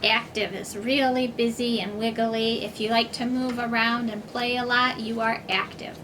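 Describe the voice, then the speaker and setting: A woman speaking as a kindergarten teacher, with simple, deliberate phrasing as if reading to a toddler. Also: on the high side, flat delivery, noisy background. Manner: simple, deliberate phrasing addressed to small children. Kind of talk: children's reading lesson, as if reading to a toddler.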